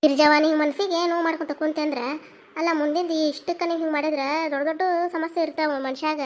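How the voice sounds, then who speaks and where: A woman playing a motherly village elder, high North Karnataka voice. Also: steady tone, fast talker, slight background noise, lightly acted. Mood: consoling. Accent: North Karnataka Kannada. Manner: soothing, scolding-kind advice. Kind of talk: homemade village family drama.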